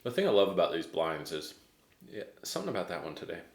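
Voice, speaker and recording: A man's voice: low voice, wildly swooping pitch, fast talker, gravelly, roomy sound. An American man chatting casually as he reviews a tasting, hesitant and thinking aloud. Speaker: whiskey reviewer.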